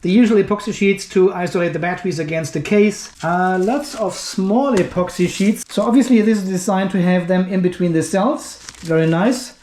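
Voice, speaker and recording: The high-pitched man hosting this hands-on review speaks at a moderate pace and hardly pauses. The background is noisy, and the indoor workshop or garage makes the sound roomy and echoing. He's informal, thinking aloud as he unboxes and handles the item.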